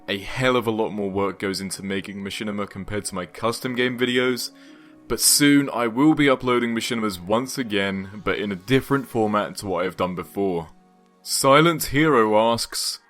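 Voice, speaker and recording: A man's voice: on the low side, moderate pace, fairly bright tone, faint music behind. A man in his twenties hosting a gaming channel, answering viewer questions in an upbeat, casual vlog voice-over with joking asides. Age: 20s. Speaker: YouTube gaming channel host.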